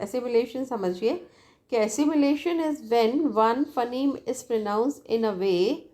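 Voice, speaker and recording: Slow-talking Indian woman teaching. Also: a little high, dark tone. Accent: Indian English. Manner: reads English definitions slowly, then explains them fast in Hindi; repeats questions to students, addresses them as "beta". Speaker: English teacher. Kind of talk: explaining a lesson in mixed Hindi and English.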